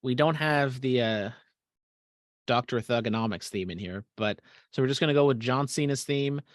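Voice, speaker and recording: This podcast co-host chats casually, swears freely, and often trails off into mumbles. His voice is medium in pitch and moderately paced, captured dry with clean studio sound.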